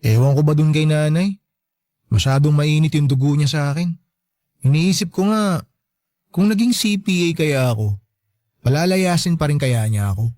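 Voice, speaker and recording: In a Tagalog radio drama, a man with a Filipino accent plays a young working son who is hurt but resilient, speaking casually and conversationally in a hurt, resigned mood. His natural voice sits a little high and comes at normal speed with long pauses and a dark tone, recorded in clean studio sound with no echo.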